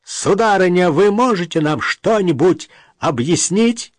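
A man's voice: sits high, animated, unhurried, no echo, studio quality, voice pushed up. A man voicing a blunt, irritable grown brother who confronts a stranger in an audiobook. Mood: irritated. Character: irritable, weary adult brother who flares up. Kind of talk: audiobook character reading.

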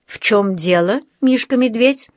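A woman's voice: fairly high pitch, measured pace, no echo, studio quality, natural voice. A woman voicing a flustered middle-aged mother in a storybook reading, anxious and pleading.

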